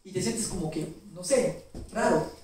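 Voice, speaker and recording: A man's voice: high-pitched, measured pace, darkish tone. A male pastor preaching a sermon, telling a personal story emotionally and asking the congregation questions. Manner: emotional, self-described crier. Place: church. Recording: very echoey hall, mic far off, faint noise.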